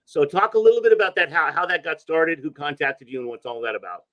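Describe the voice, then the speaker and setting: A man's voice: on the high side, expressive, fast, a bit bright, no echo, highs cut off. Rambling male soccer show host, dry sound. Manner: rambling, restarts and repeats words. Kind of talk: interview questions.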